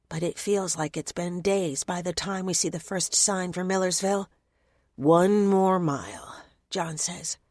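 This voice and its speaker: A woman reads a first-person horror audiobook in a mid-pitched voice. Her delivery is tense and dramatic, and it drops to soft, hushed asides. The recording is close and dead dry. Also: no room sound. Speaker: audiobook narrator. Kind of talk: first-person scripted narration.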